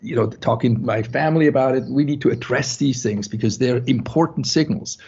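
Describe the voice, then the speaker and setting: A man's voice: mid-range voice, brisk, gravelly, darkish tone, slightly rough. A man from Switzerland with a Swiss accent, presenting a conference talk in a conversational way, often checking in with "right?". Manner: conversational, many restarts, asks "right?". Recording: muffled lo-fi recording.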